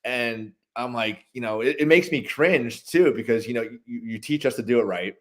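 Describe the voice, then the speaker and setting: A man who runs a lighting business, telling rambling, animated stories in a casual interview. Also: mid-range voice, normal speed. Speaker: guest, holiday lighting business owner.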